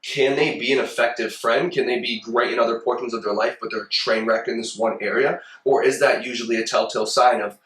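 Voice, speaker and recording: A man's voice: mid-range voice, steady tone, fairly quick, hardly any pauses, fairly bright tone. A man co-hosting a podcast, talking things through in casual chat and asking probing questions. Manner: questioning, builds points with examples. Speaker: podcast co-host. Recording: echoey room.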